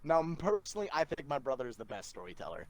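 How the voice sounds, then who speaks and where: A man, a podcast guest, telling funny stories in an animated, laughing way over a remote call. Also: mid-range voice, racing. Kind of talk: casual storytelling.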